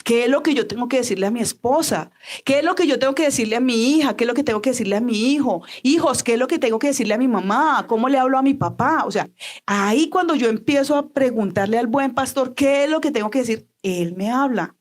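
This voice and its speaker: A woman's voice: sits high, fast. A woman pastor from Colombia preaching a sermon, telling stories and acting out the voices of the people in them. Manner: acts out quoted voices, shifting pace. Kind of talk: sermon storytelling.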